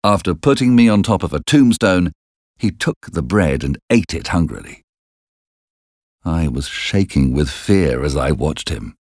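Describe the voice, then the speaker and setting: Male audiobook narrator with a deep voice and lively, varied intonation, reading slowly in a dry room. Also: no echo. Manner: slow, deliberate reading. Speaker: audiobook reader. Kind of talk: storybook narration.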